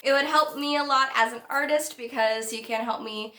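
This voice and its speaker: A woman's voice: high voice, moderate pace, bright, forceful tone, echoey room. A young woman vlogger telling a personal story in a casual, chatty way, laughing often.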